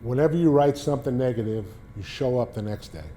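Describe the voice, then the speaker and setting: A man's voice: medium pitch, fast, mellow, slight background noise. A man in his sixties with a Boston accent, telling rambling anecdotes with many restarts to a library audience. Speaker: guest speaker, former sports beat writer. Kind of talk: casual storytelling talk to a library audience. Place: public library talk.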